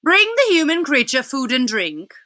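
A woman's voice: sits high, sing-song, moderate pace, bright, forceful tone, dry recording, clean studio sound, voice pushed up, heavily acted. A woman reading aloud, voicing a cold, imperious witch queen who gives clipped, cruel orders in a raised voice. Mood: commanding.

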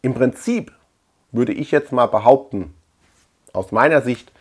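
A man in his thirties hosts a collector video channel, rambling casually and thinking aloud in a small room lined with shelves. His medium-pitched voice is expressive and a little slow, with a breathy edge.

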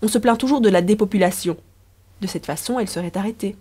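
A woman voicing a playful, scheming young empress who speaks in a lively, persuasive, teasing way. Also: medium pitch, fast, husky, natural voice.

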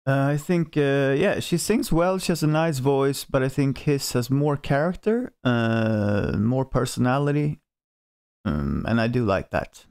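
A Swedish-accented man hosting a music reaction video, giving frank opinions in an unhurried, casual way. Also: mid-range voice, expressive, darkish tone, clean tone. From Sweden.

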